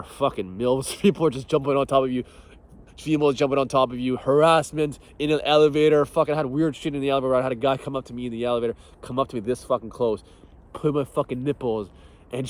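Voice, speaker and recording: A young man, a fitness coach, talking casually and bluntly about training, swearing often and laughing as he tells stories. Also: medium pitch. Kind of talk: casual motivational talk.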